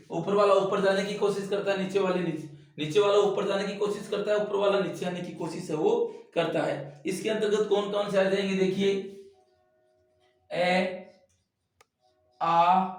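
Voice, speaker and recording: High-voiced male teacher in an echoey room. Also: distant mic. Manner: demonstrative, repeats and stretches vowels, instructive. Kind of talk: classroom lesson demonstrating vowel sounds. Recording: very echoey room, voice set back from mic.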